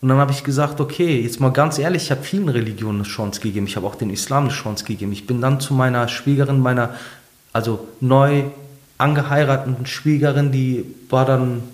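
This guest sharing his life story has a mid-range voice and a brisk delivery. His telling is colloquial and packed with fillers and "ich so," and he performs the quoted lines in changing voices.

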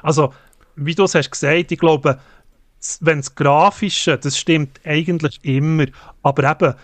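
A man, co-hosting a casual film review podcast, talking haltingly with many fillers and restarts. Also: a little high, steady tone, no room sound. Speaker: podcast co-host.

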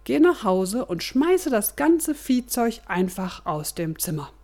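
A woman's voice: on the high side, sing-song, a little mellow, pitched above the performer's own voice, full character voice. Woman reading a wise old rabbi. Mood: calm advising. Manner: musing, drawn-out "hm". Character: wise old male rabbi giving musing advice.

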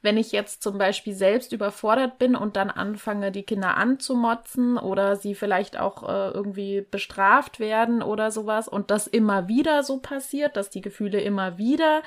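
A woman's voice: medium pitch, moderate pace, hardly any pauses. A woman hosting a podcast interview, engaged and conversational, reading out listener questions. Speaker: podcast host.

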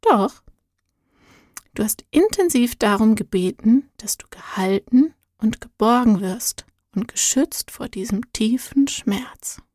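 A woman narrator voices a kind storybook guardian angel, speaking slowly and soothingly at a fairly high pitch. His soft, gentle words come across calm and reassuring, close and dry with no echo.

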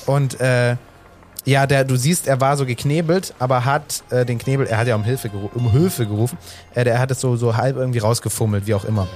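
Male game master, rapid rambling narration. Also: medium pitch, a little mellow, faint music behind.

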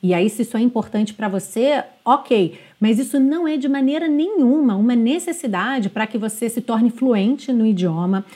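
A woman teaching English pronunciation, slowly modeling sung phrases and checking in with her students patiently. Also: a little high, mellow, slightly rough. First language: Portuguese.

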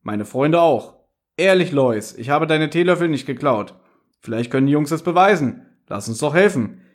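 A man reading aloud, voicing an earnest teenage girl who pleads slowly. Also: fairly high pitch, expressive. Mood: pleading.

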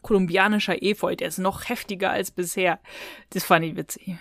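A podcast co-host with a lowish, fairly even voice talks a little fast, with noticeable vocal fry and no echo. She casually reviews audio dramas, retelling events in a rambling, conversational way.

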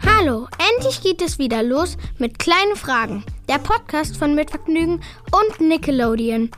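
A woman's voice: sits high, big pitch swings, moderate pace, a bit bright, faint music behind. A woman reading an upbeat scripted intro for a podcast. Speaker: podcast announcer.

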